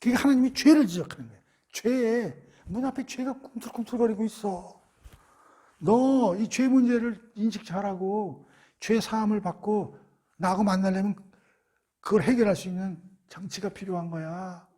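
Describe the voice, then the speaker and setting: A man's voice: sits high, moderate pace, warm tone, breathy edge. A man giving a Bible study lecture, asking rhetorical questions and answering them himself in a conversational way. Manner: conversational, acts out quotes.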